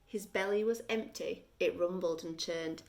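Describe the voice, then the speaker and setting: This woman has a lowish voice and reads a children's story in a teacherly way. Her delivery is deliberate and expressive, punctuated by dramatic pauses.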